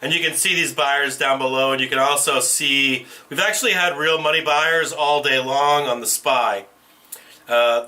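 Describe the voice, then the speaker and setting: A man's voice: fairly high pitch, bright, forceful tone, distant mic. Man on a tinny tin-can camera mic. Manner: profane, blunt, restarts often. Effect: tinny tin-can sound from a camera mic. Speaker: livestream trading host. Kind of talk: casual livestream chat.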